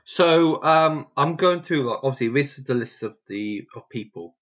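A man's voice: mid-range voice, expressive, moderate pace, a bit bright, muffled recording. A man co-hosting a podcast in casual chat, rambling and hesitant with many fillers. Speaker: podcast co-host. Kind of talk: casual conversation.

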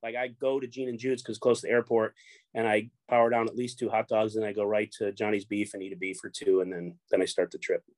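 A man's voice: on the low side, flat delivery, fast, darkish tone, no room sound. Rambling, swearing man from Chicago. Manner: rambling, repeats words, swears freely. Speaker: poker show runner and guest. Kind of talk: casual chat.

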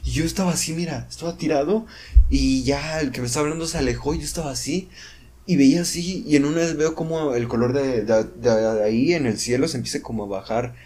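A man's voice: medium pitch, fast, darkish tone. A young man, co-hosting a casual podcast and telling a story animatedly with sound effects and restarts. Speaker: podcast co-host. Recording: home podcast recording.

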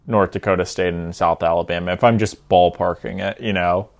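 A man's voice: low-pitched, fairly even intonation, a little fast, vocal fry. A young man co-hosting a podcast, talking through college football rankings in a thoughtful, hedging way, often restarting his sentences. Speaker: podcast co-host. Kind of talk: casual sports betting chat.

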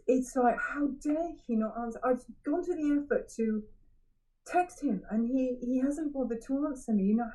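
Warm-voiced woman sharing candidly. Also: sits high, rough recording. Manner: halting, searching for words with frequent restarts; frank and self-examining. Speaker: member sharing at a recovery meeting. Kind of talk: personal share, candid reflection.

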